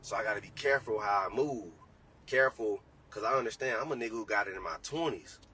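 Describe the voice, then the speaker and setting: A man's voice: lowish voice, fast, sharp tone. A man in his late twenties talking as a podcast guest, blunt and profane, preaching hard-won advice. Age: 20s. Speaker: trading educator guest. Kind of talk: casual podcast talk. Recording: distant mic with faint background noise.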